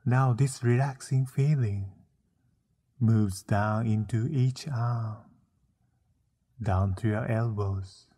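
A man narrating a guided meditation, soothing and unhurried, with frequent pauses between short phrases. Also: lowish voice, steady tone, mellow, husky.

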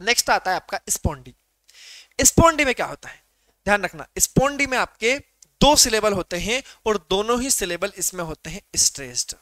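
A man's voice: high-pitched, expressive, fairly quick, bright, forceful tone, no room sound. A male teacher giving a classroom lecture, repeating points and quizzing himself, drawing out syllables as he spells them.

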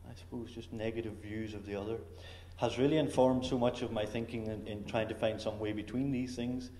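A man speaking reflectively as a visiting artist, often pausing to search for words. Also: on the low side, fairly even intonation, mellow. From Northern Ireland. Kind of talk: casual panel talk. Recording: roomy hall with faint noise.

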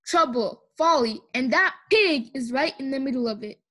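A woman's voice: sits high, lively intonation, moderate pace, pushed and bright, full character voice. Brief: curt, sour elderly sister, as a woman reader puts her on. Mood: disapproving. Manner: disapproving, curt. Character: stern, grumpy older spinster sister.

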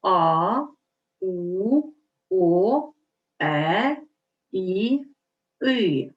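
A woman teaching a lesson to young children, speaking slowly and clearly, sounding out vowels and letters. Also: medium pitch, lively intonation, lo-fi sound. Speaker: primary school teacher.

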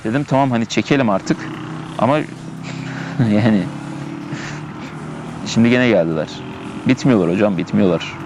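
A man's voice: on the low side, a little slow, long pauses, background noise. A man giving casual gameplay commentary, chatting and thinking aloud as he plays, often repeating himself, recorded outdoors in a park.

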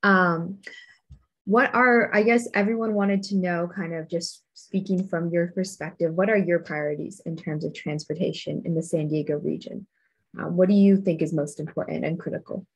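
A young woman moderating over a webcam call, her voice a bit low and husky. She asks polite, brisk questions of a guest panelist. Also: fairly even intonation, low-quality recording. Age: young adult. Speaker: student moderator. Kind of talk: moderating a town hall on a video call. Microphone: video call webcam.

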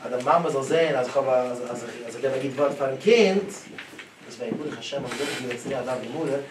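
A man giving a Talmud lesson, animated, his voice rising and dropping sharply as he tells the stories. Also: mid-range voice, rapid-fire. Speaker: Talmud teacher. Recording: echoey room, voice from a distance, clear background noise.

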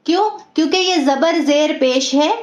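High-voiced woman teaching recitation rules. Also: moderate pace, echoey room. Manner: patient, repeats each rule step by step; praises students warmly. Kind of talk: tajweed lesson.

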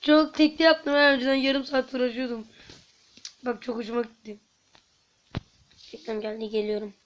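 A woman commenting while playing a video game, chatting to her viewers and bursting into frustrated shouts. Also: a little high, flat delivery, normal speed, muffled recording. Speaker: gaming YouTuber. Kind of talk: let's-play commentary.

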